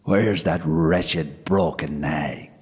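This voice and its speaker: A man doing the cold, slow headless horseman. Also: very deep voice, steady tone, a little mellow, slightly rough, exaggerated voice. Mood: menacing. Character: cold menacing headless horseman spirit, male. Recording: long hall reverb.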